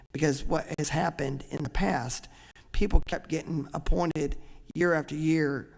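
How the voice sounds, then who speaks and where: Guy with a gravelly, slightly high voice, talking it through at a city meeting, big echoey room. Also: a little mellow. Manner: earnest, explains his reasoning at length. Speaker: charter commission member. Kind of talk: public meeting discussion. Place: large council chamber.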